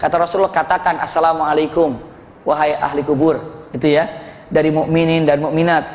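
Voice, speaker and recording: Animated ustadz preaching in echoey hall. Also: male voice, on the high side, fairly quick, a little hiss or hum. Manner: animated storytelling, acts out voices in quotes. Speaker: ustadz giving a religious study talk. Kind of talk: sermon. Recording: echoey hall with long reverb.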